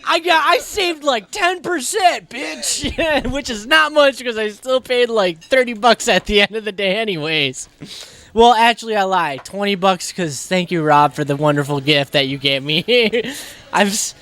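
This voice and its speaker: A man's voice: sits high, moderate pace, pushed and bright. A young man co-hosting a casual gaming podcast, laughing often, sniffly with allergies. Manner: laughing, talking while eating. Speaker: podcast co-host. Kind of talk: casual chat.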